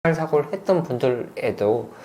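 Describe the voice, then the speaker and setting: A man, a psychiatrist, giving measured, explanatory answers in an interview. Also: mid-range voice, lively intonation, warm tone.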